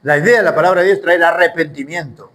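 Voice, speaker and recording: A man's voice: on the high side, fast talker, fairly bright tone, low-quality recording. A man teaching the Bible in a sermon, emphatic and full of rhetorical questions.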